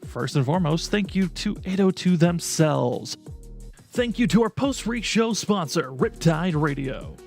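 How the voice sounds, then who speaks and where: A man's voice: high voice, expressive, measured pace, darkish tone, faint music behind. A man hosting a race broadcast, reading out sponsor thanks as an introduction.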